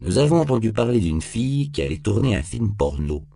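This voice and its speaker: A man's voice: lowish voice, sing-song, brisk, gravelly, dark tone, no echo, studio quality, voice pushed up. A man voicing a sardonic, hard-nosed police detective interrogating a suspect in a cool, needling tone in an audiobook. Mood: pressing. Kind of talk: audiobook character voice.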